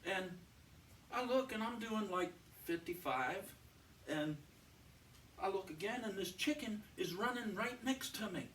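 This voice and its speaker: A man's voice: sits high, expressive, measured pace, long pauses, a bit bright, slight background noise. A man telling a long comic joke in a folksy, meandering way, full of restarts and fillers. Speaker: comedian. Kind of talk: rambling joke storytelling. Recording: roomy, distant mic, faint ambience.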